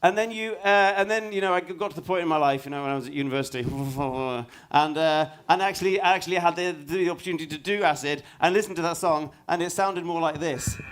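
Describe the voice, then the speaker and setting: A middle-aged man, raised in Norway, speaking at a conference, halting and self-deprecating, full of restarts and fillers. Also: on the high side, a little hiss or hum. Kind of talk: hesitant conference talk. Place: conference hall stage.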